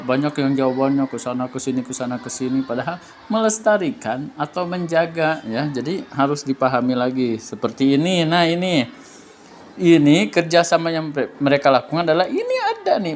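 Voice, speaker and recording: A man's voice: mid-range voice, a little hiss or hum. A man, a teacher talking students through an exam study guide in a loose, chatty way, full of fillers and restarts. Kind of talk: casual exam review lesson.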